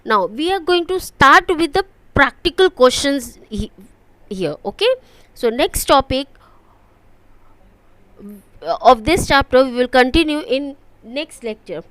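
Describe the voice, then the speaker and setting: A woman's voice: high voice, animated, unhurried, long pauses, a bit bright, no room sound, rough recording. Woman teaching an online class. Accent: Indian English. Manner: explanatory, frequent "okay" and "right?" checks. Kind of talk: online lecture.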